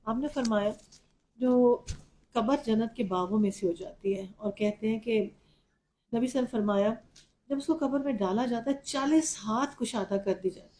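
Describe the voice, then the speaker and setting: A woman's voice: fairly high pitch, mellow, echoey room, slight background noise, low-quality recording. A woman with a Pakistani Urdu accent giving a Quran lesson as a religious lecture, telling it vividly with a personal story. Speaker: Quran teacher.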